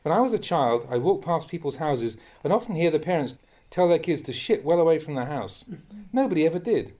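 A man, a monk, reading a Dhamma talk aloud in a measured, admonishing way that rises sharply when he scolds. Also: fairly high pitch, very animated, warm tone. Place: monastery.

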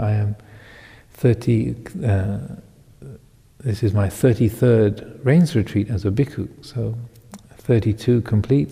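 A Buddhist monk in his fifties giving a Dhamma talk, reflective and halting, with many pauses and soft chuckles. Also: fairly low pitch, creaky. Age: 50s. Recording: long hall reverb.

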